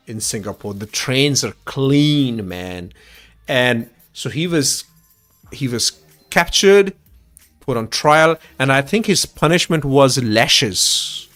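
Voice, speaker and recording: A man's voice: mid-range voice, a bit bright. A man with an Indian accent hosting a call-in livestream, talking enthusiastically in casual chat with frequent restarts.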